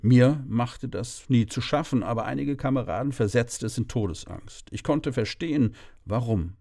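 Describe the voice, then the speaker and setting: Man narrating an audiobook, middle-aged, gravelly, dark mellow tone, dry close sound. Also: medium pitch, moderate pace, dry recording.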